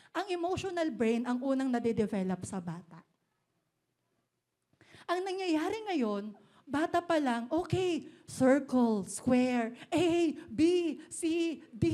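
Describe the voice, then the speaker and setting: A middle-aged woman pastor with a Filipino accent, preaching a sermon in an animated way, mixing Filipino and English with playful asides. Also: sits high. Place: church hall.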